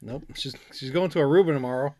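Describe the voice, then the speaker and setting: A woman's voice: extremely low pitch, fast talker, warm tone. A woman in her forties hosting a podcast, bantering in a joking, laid-back way. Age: 40s. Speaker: podcast host. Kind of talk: casual chat.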